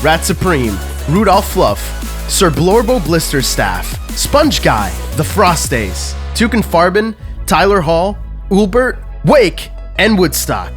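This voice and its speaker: A man's voice: high-pitched, very animated, takes it slowly, faint music behind. A man hosting a podcast, reading out a scripted list of credits. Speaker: podcast host.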